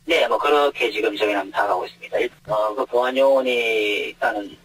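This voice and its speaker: A man's voice comes through a deep pitch-shift filter that hides who he is. He talks at a brisk clip with a slightly husky edge. He lays out the details of his job point by point, often pausing on fillers before going on. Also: a bit bright, rough recording. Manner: explains step by step, starts with hesitant fillers. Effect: voice disguised by deep pitch shifting. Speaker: airport security guard. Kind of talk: anonymous news interview answers. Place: connected to the studio from elsewhere.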